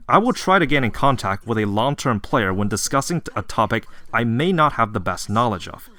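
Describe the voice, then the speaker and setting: A man reading scripted video narration as a game reviewer, in an earnest, measured and apologetic manner. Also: medium pitch, fairly bright tone.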